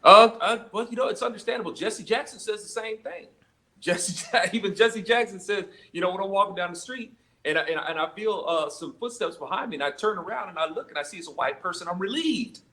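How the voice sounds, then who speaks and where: An American man giving conversational commentary as an interview guest, haltingly, often repeating words as he starts a phrase. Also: sits high, bright, forceful tone.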